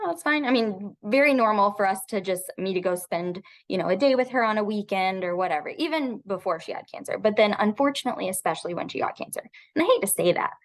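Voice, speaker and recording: Woman, 30s, podcast guest, personal story, reflective, restarts sentences, filler words, mid pitch.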